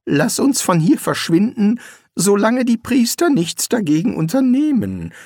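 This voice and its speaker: Jittery sly wizard done by a guy reading a storybook, raised voice, bouncy pitch. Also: very animated, measured pace, darkish tone, no echo, clean studio sound, exaggerated voice. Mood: wary. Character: nervous, cowardly male wizard, wary and sly. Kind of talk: audiobook character voice.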